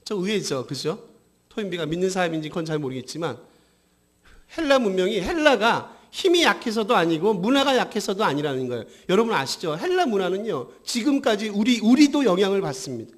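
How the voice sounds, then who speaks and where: Man, pastor, high voice, sermon, asks and answers his own questions, fervent emphasis. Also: very animated, fairly quick. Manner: asks the congregation questions and answers them himself.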